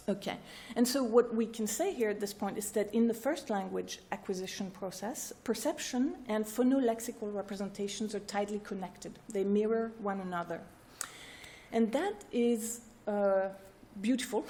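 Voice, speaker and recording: A woman researcher presents at an academic workshop, speaking to a room of listeners. Her voice is mellow and soft-edged, and her pitch sits in the middle. She lays out each idea step by step and often checks in with "right?" and "okay?". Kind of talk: academic conference talk. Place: lecture room with an audience.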